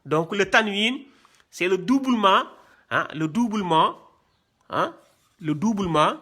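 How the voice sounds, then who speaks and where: Slow yet animated, a man with a high, pushed and bright voice teaches a classroom lesson on reading Arabic script. As a Quran reading teacher, he drills terms, repeats each point, and checks in with "hein" and "voyez bien".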